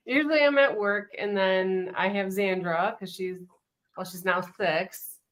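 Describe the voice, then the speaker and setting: A woman's voice: medium pitch, slow pace, a bit bright. Female podcast guest, mid-range voice, giggly and light. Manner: light, giggly, self-deprecating. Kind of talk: casual podcast chat.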